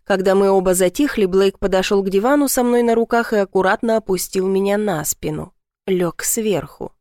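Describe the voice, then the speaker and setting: Woman reading an audiobook in first person, middle pitch, dry close sound, steady pace. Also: moderate pace, no echo. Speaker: audiobook narrator.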